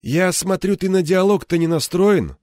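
A man's voice: sits high, normal speed, darkish tone, dry recording, clean studio sound, pitched above the performer's own voice, lightly acted. A man voicing a hardened male ex-cop turned criminal enforcer, who talks in a cold, threatening, mocking way. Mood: menacing.

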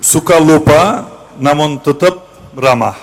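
A man who works as a teacher, speaking casually and reflectively to an audience, pausing with fillers. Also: a little high, some chatter behind.

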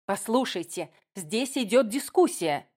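A woman reading an audiobook, voicing a flustered young TV host who tries to calm things down. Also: on the high side, measured pace. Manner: uncertain, trying to calm things.

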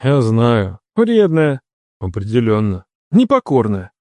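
A man's voice: medium pitch, huge pitch swings, takes it slowly, a little mellow, dry recording. A male reader voicing a blunt, demanding young man who guards his sister. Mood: stern. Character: stern protective older brother, young man. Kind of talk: audiobook character voicing.

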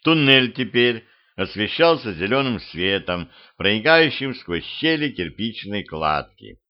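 A man reading a humorous mystical audiobook, lively with his characters. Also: fairly low pitch, measured pace. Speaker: audiobook reader. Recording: slightly muffled home recording.

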